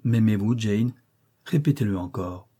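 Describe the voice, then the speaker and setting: A man voicing a brooding, ardent wealthy gentleman in an audiobook reading of a classic novel, pleading and commanding by turns. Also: on the low side, a little slow, husky. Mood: tender.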